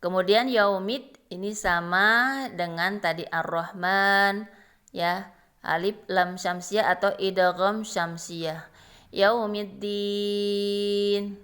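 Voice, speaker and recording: Slow, smooth-voiced woman teaching recitation. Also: on the low side, steady tone, a bit bright. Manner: slow, patient explaining with sung recitation. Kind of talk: tajwid lesson with chanted examples.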